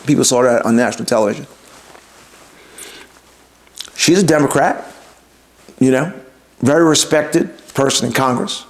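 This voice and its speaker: A man hosting his show, giving an emphatic opinion monologue, repeating himself for stress and firing rhetorical questions at his listeners. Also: mid-range voice. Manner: talks straight to the audience with rhetorical questions. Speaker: podcast host.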